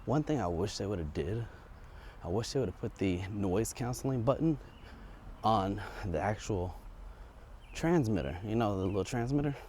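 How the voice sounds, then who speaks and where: A man's voice: fairly low pitch, expressive, normal speed, pauses often, darkish tone. Man vlogging casually outdoors, faint background noise. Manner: informal, rambling, thinking aloud. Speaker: vlogger testing audio gear. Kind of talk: casual unscripted vlog chat. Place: outdoors, walking up a residential street. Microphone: wireless lavalier clipped to shirt.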